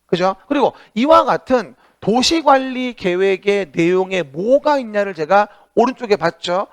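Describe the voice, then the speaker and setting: A man's voice: high-pitched, animated, measured pace. A man giving an exam-prep lecture, asking rhetorical questions and repeating key points for students to recite.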